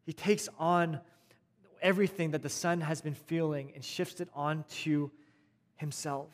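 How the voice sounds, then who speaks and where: A man's voice: on the high side, steady tone, unhurried. Man preaching in a reverberant hall. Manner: conversational, with restarts and repeated phrases; swings between raised emphasis and quiet, soft delivery. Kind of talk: sermon.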